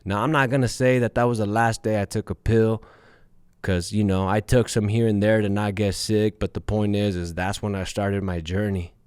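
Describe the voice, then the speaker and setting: A man's voice: on the low side, fairly even intonation, normal speed, darkish tone, smooth, no room sound, clean studio sound. A man in his thirties hosting a show, telling a personal story to his listeners in a candid, profane way and calling them guys. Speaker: podcast host.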